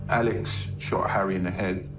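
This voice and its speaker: Man playing a detective, lowish voice, firm, measured, music behind. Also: steady tone, natural voice. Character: firm male police detective in interrogation.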